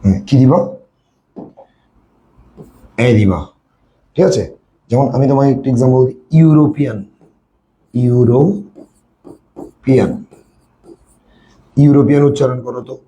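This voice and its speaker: Dark-voiced Bangladeshi tutor quizzing students. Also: male voice, mid-range voice, brisk, long pauses, highs cut off. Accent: Bangladeshi Bengali. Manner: repetitive, quizzing students with questions. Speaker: English tutor. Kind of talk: classroom lesson.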